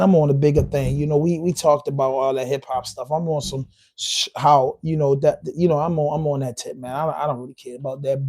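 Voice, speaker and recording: On his own livestream podcast, a Baltimore man riffs loosely to the chat. His voice is a bit high for a man, dark and mellow, and his street talk is heated and emphatic as he keeps circling back to repeat himself.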